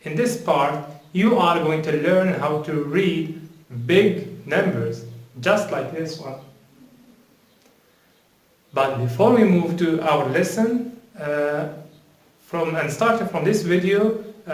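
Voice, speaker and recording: A man with a Moroccan accent teaching an English lesson, repeating words slowly for pronunciation drills. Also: a little high. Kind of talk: slow, deliberate language lesson. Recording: roomy, from a distance.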